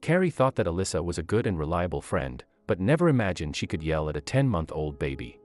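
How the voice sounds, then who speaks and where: A man's voice: low-pitched, big pitch swings, fast talker, a little mellow, no echo, soft background music. A man giving scripted storytelling narration, leaning on key lines with dramatic emphasis.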